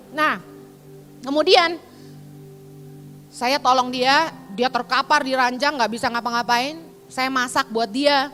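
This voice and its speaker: In a sermon built around her own testimony, a woman tells her story with lively, dramatic bursts in a high, bright voice. Faint, gentle music sits behind her, and her words echo through a big hall.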